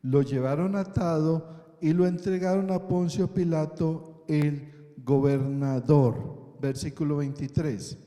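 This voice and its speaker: Male pastor, high and mellow, unhurried sermon delivery with frequent questions to the room, long church reverb. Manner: preaching with rhetorical questions and frequent "¿sí?" checks. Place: church hall. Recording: echoey church hall.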